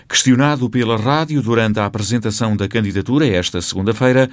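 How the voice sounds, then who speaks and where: A man with a European Portuguese accent, a radio news reporter reading a scripted report in a crisp, reportorial way. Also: lowish voice, fast talker, dry recording.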